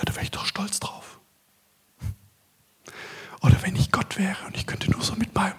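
Male preacher, sermon, hushed whispering passages, very breathy husky tone, slightly raised pitch. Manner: long stretches in a hushed whisper, loud measured declamation in between. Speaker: guest preacher.

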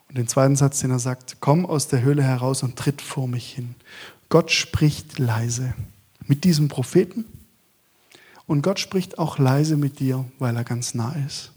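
A man preaching a sermon as a guest preacher. He alternates long stretches of hushed whisper with loud, measured declamation. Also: mid-range voice, slightly rough.

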